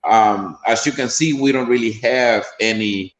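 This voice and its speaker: A man with a Honduran accent talks about his son in a casual interview. He rambles and restarts often, at a middle pitch. The room around him rings with echo. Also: measured pace. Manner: rambling, full of fillers and restarts. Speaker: player's father.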